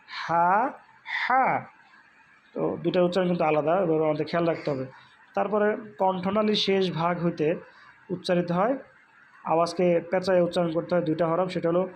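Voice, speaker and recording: A man's voice: high voice, darkish tone, slight background noise. A man teaching Quran letter pronunciation in a patient, repetitive way, speaking. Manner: patient, repeats sounds slowly with many fillers. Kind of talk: instructional lesson.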